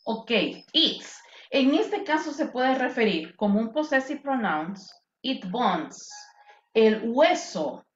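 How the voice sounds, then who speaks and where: A woman whose first language is Spanish, teaching English grammar in an online class, repeating examples patiently and clearly. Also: on the high side, animated, takes it slowly, lo-fi sound.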